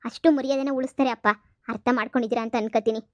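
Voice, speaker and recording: A woman's voice: a little high, fairly even intonation, racing, darkish tone, dry recording, muffled recording, close to an everyday voice. A woman voicing a young village daughter who scolds and lectures her father. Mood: lecturing. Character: young village daughter, sharp-tongued and wise.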